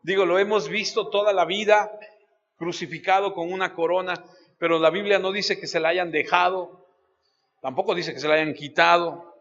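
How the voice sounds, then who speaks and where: A man preaching an expository Bible study sermon, reading scripture aloud and speaking straight to his listeners, dropping low for emphasis. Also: fairly even intonation, moderate pace, gravelly, fairly bright tone, big-room sound, muffled recording. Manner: reads scripture aloud, then addresses listeners directly. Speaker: pastor. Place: church.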